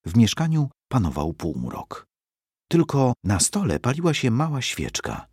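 A man narrating a story in a measured, expressive reading. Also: mid-range voice, slightly rough, no echo, clean studio sound.

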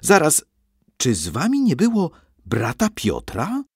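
Mężczyzna grający piskliwą, zadziorną dziewczynkę. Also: male voice, huge pitch swings, unhurried, husky, dry recording, studio quality, exaggerated voice. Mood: indignant. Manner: shrill, indignant shouting. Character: feisty loud young girl. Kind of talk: audiobook character voice.

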